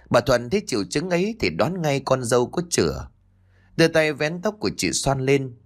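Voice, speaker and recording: A man narrating a village story in an expressive, animated reading. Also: mid-range voice.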